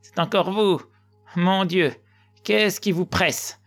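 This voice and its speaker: A man's voice: high-pitched, takes it slowly, a bit bright, soft background music, voice pushed up, full character voice. A man voicing an old miserly usurer with querulous, raised exclamations. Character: old miserly male usurer, grasping and sly.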